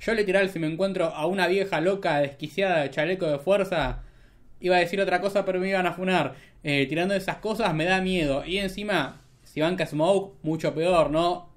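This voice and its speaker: A young Argentine man with an Argentine Spanish accent streams casual political commentary, sarcastic and mocking, from a desk mic in a small room. His voice sits high, and he speaks briskly.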